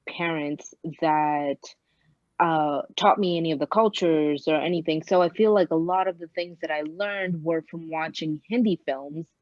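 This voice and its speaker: Low-voiced reflective woman, dry muffled sound. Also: normal speed, no room sound. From Bangladesh, raised in New York City. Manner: reflective, hesitant with many fillers. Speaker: guest, actress. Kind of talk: podcast interview.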